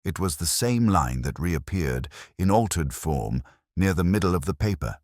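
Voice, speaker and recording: In a very dry recording with no room and no echo, an exceptionally deep-voiced man narrates a detective story as its first-person narrator. His delivery is measured, brooding, and literary, and his melody is lively and varied.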